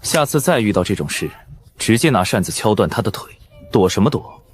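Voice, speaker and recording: An actor playing a stern, powerful male imperial tutor who protects his niece, speaking in a measured way in an animated drama dub. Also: fairly low pitch, breathy edge. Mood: protective.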